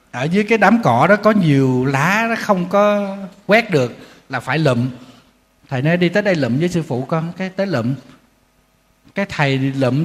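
A man giving a Buddhist dharma talk as a monk, telling anecdotes in an animated, humorous way. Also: high-pitched. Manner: storytelling, animated, acting out quotes with humor. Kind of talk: sermon. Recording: long hall reverb.

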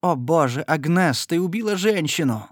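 A man voicing a devoted young gentleman who speaks fervently and breathlessly. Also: mid-range voice, lively intonation, moderate pace, no room sound, studio quality, natural voice. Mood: agitated.

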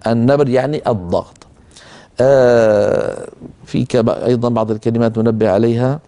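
Brief: man hosting a televised recitation lesson, mellow dark tone, patient and explanatory. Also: medium pitch. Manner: calm, explanatory, slows down to demonstrate pronunciation. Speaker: Quran recitation teacher and program host.

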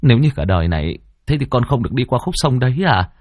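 A man's voice: medium pitch, sing-song, fast, darkish tone, dry recording, studio quality. A man voicing a frightened young villager who stammers and pleads.

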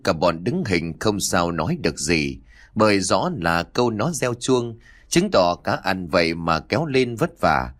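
A man tells a ghost story in steady, scripted narration. His voice is deep and low, and the pitch moves freely. The recording is dry and close. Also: no echo.

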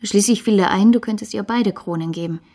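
A woman's voice: mid-range voice, fairly quick, a little mellow, natural voice. An actress playing a passionate young woman writer in a radio play, speaking earnestly, intimately and pleadingly. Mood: reproachful. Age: 20s.

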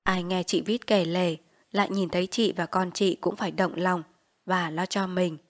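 A woman reading a novel aloud as an audiobook narrator, in a hushed, grave storytelling manner. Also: lowish voice, steady tone, normal speed.

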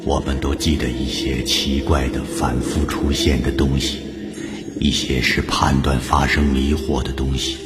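Very deep announcer guy, solemn scripted intro, big music under him. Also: little pitch movement, a little slow. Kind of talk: scripted narration. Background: loud music.

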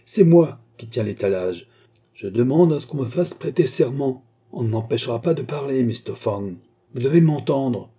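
A man's voice: medium pitch, animated, normal speed, warm tone, husky. A man voicing an honest, poor older bookstall keeper who is out of breath and urgent as he insists on being heard. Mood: urgent, breathless. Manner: urgent, pleading.

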